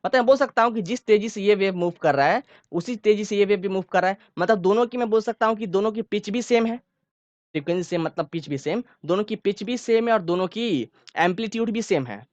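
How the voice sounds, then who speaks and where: Fast-talking male science teacher. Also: high-pitched, no room sound, lo-fi sound. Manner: explains step by step, asks if students understood; informal, repeats key phrases. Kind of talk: online classroom lecture.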